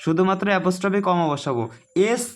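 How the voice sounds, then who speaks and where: A man's voice: high voice, animated. A man teaching a casual online grammar lesson, chatty and repetitive, checking often that students follow. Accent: Bengali. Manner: chatty, keeps asking "ঠিক আছে?"; explains slowly, repeating each rule.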